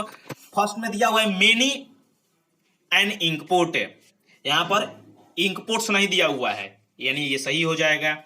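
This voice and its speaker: This English grammar teacher, recorded in a lesson video, has a high, piercing, very bright voice as he takes students through exam-prep grammar. His style is explanatory and repetitive: he drills each rule, then checks in with the class after almost every point.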